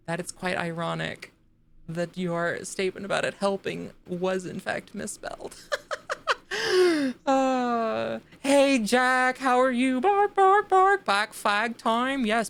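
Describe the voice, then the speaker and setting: A woman's voice: fairly low pitch, gravelly, fairly bright tone. A woman streaming a video game live, chatting casually and rambling to her viewers, with many fillers and restarts. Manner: talks straight to her live chat. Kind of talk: casual chat while playing a video game.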